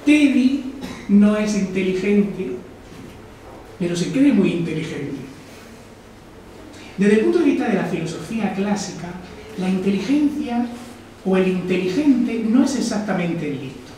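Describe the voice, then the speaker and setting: A man's voice: high voice, expressive, measured pace, pauses often, warm tone, a little hiss or hum. A man from Almería, giving a reflective live talk and often asking the audience questions. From Almería, Spain. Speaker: lecturer. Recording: echoey hall, distant mic.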